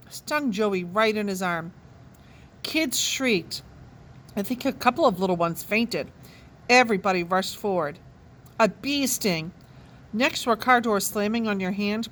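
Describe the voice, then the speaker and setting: A woman reading a children's novel aloud with expressive, animated storytelling. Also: medium pitch. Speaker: children's book reader.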